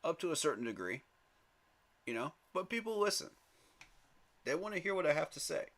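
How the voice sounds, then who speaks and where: On his live sports fan stream, a man chuckles at rival fans while making emphatic, pleading appeals straight to his chat. His voice is on the high side, a bit bright, sing-song and brisk.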